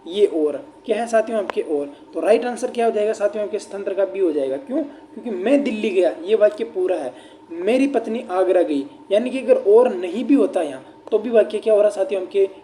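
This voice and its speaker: A male teacher, talking students through an exam paper, asking rhetorical questions and slowing down to dictate examples. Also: high voice, lively intonation, warm tone, slight background noise. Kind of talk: exam paper answer walkthrough.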